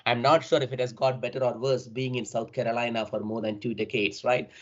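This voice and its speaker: A man's voice: medium pitch, level tone, fairly quick. A middle-aged man with a South Indian accent gives an online academic presentation, often adding tags like "right?" to his sentences. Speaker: university faculty member presenting. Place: remote online call. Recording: dull, band-limited online call audio.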